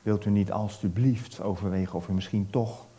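A man's voice: on the low side, steady tone, moderate pace, dark tone, lightly acted. A man voicing Moses as an older man who earnestly and humbly pleads in prayer. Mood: pleading.

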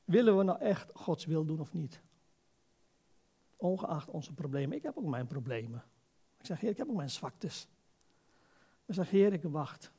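A man's voice: a little high, expressive, measured pace, vocal fry, long pauses, mellow, husky. A man preaching an informal, conversational sermon as a pastor, exhorting his listeners and putting rhetorical questions to them.

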